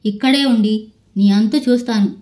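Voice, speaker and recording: Bitter quarrelsome wife, shouting, raised voice, read by a woman narrator. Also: a little high, normal speed, lightly acted.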